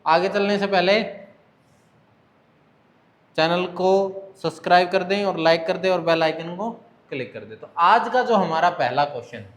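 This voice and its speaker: Man, maths teacher, Indian English accent, quizzing the class and answering himself, fairly high voice, echoey room. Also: moderate pace, a bit bright. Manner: asks the children questions and repeats the answers. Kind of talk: online class lecture.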